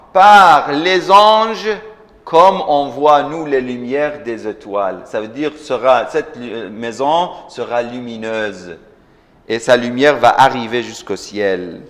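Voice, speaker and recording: A man preaching a religious sermon, quoting Arabic scripture and explaining it, with sudden impassioned rises in pitch and volume. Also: fairly bright tone. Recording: long reverb of a large hall.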